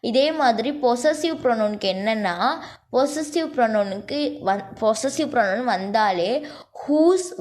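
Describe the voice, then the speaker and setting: A woman teaches a grammar lesson as a voice-over on slides. She explains each point step by step and keeps checking that her students follow along. She slows down when she reads out lists of words. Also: on the high side, a little mellow. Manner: explains step by step, repeats "okay?" to check understanding; slows down to dictate word lists. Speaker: English teacher.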